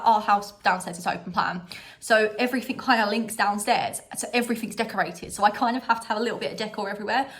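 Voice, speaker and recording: A woman's voice: on the high side, a bit bright. Bubbly woman chatting a haul. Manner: bubbly, chatty, laughs at herself. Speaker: vlogger. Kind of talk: casual home haul vlog. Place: at home, in front of a styled background.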